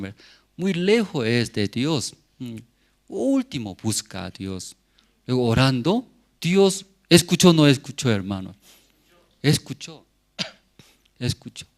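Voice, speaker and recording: Slow-speaking pastor. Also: male voice, mid-range voice. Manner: slow, halting non-native Spanish with many asides to the congregation. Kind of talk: sermon testimony.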